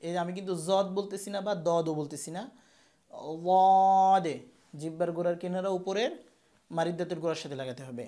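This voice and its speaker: A man teaching how to pronounce Arabic letters, repeating each sound slowly and firmly for learners to copy. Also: high voice, a little mellow. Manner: slow, demonstrative, repeats each sound emphatically. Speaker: Quran teacher. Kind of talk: pronunciation lesson.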